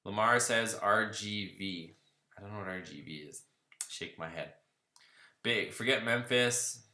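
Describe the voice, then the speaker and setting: A man's voice: on the low side, measured pace, bright, forceful tone, reverberant. A man hosting a casual livestream Q&A, reading viewer comments aloud and chatting back loosely. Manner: laid-back, reads viewer comments aloud and riffs on them. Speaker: host of a car channel livestream. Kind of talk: casual live Q&A reading chat.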